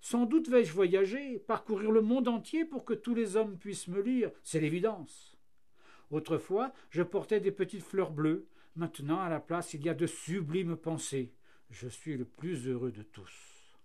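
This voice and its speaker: Storybook flax and paper figure, cheerful, self-satisfied, marvelling exclamations, somewhat high, man reading. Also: unhurried, dark tone. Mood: content. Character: cheerful flax turned linen and paper, male.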